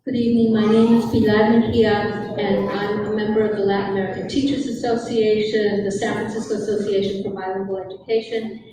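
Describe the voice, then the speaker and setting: A woman's voice: medium pitch, little pitch movement, brisk, hardly any pauses, noisy background. An older woman, a retired teacher, giving a composed public comment at a meeting. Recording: echoey hall with long reverb, far off.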